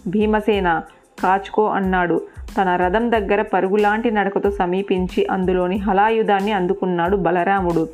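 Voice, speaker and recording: A woman's voice: mid-range voice, darkish tone. Woman narrating an epic tale. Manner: dramatic, vivid narration. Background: faint music.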